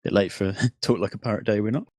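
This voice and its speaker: A man from the UK hosting a casual podcast chat, relaxed and self-deprecating. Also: lowish voice, fast. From United Kingdom. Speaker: podcast host.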